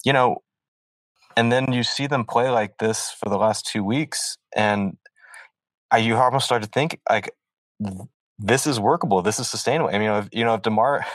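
A man co-hosting a casual sports podcast, thoughtful and measured, with many ums. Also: mid-range voice, no room sound, low-quality recording. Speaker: podcast co-host.

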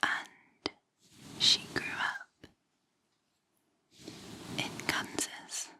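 A woman whispers right in your ear in a role-play, acting as an examiner running a gentle sensory test. She's slow, gentle and soothing as she gives step-by-step instructions.

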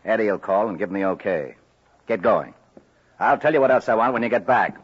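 A deep, husky, menacing gangster boss. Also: male voice, fairly quick. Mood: cold menace. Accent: American. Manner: terse, threatening. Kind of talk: old radio crime drama acting. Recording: muffled old radio recording.

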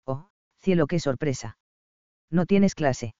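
A man's voice: fairly high pitch, lively intonation, slow, dark tone, clean tone, dry recording, dull audio. A man voicing a chatty, teasing middle-aged mother in an audiobook. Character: cheerful, meddling middle-aged mother on a ranch.

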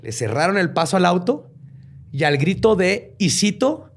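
A man's voice: high voice, big pitch swings, normal speed. A man with a Mexican accent, hosting a podcast and telling a history story casually, full of slang, swearing and jokey asides. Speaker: podcast host narrating history.

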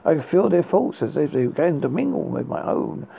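A horror host reading dark gothic tales in a raspy, gravelly voice, dramatically but haltingly, with stumbles and repeated words. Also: medium pitch, big pitch swings.

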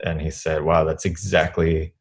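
A man chef telling an anecdote in an interview, halting and restarting as he goes. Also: a bass voice, flat delivery, gravelly. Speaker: chef and guest. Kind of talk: casual interview.

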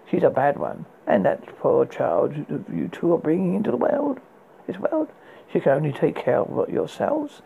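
A man's voice: on the high side, big pitch swings, creaky, phone-quality sound, slight background noise, full character voice. A man doing a cold, menacing enchantress. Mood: scornful. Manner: cool, slow, threatening.

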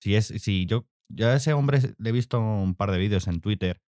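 A man's voice: on the low side, normal speed, a little mellow, no room sound, studio quality. A young man co-hosting a podcast, telling a rambling story full of fillers and swearing in casual chat. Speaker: podcast co-host.

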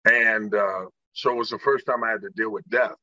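A man's voice: on the low side, fairly even intonation, normal speed, bright, forceful tone, no echo, lo-fi sound. A middle-aged man from Indiana, a guest telling his life story earnestly and acting out the people in it. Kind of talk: personal storytelling in an interview.

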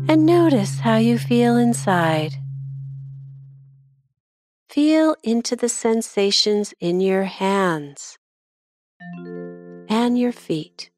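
A woman gently guiding children through a mindfulness exercise in soft, slow instructions. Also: medium pitch. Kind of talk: guided meditation. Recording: voice over clear music. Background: background music.

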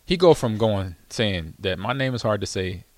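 A man's voice: fairly low pitch, expressive, normal speed. A man hosting his own show, chatting casually and telling a rambling story full of fillers and laughs. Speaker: show host, former football player. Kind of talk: casual chat.

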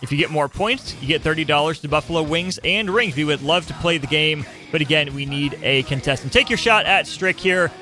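Radio host guy, bright tense voice, teasing quizmaster chat, bit of music behind. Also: on the high side. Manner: quick, playful quizmaster banter. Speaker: radio sports show host. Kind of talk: radio trivia game hosting.

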